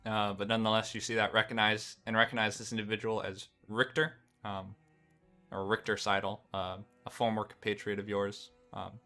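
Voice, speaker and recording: Bright-voiced man running a tabletop game. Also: fairly low pitch. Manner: casual, describing scenes with fillers. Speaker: game master.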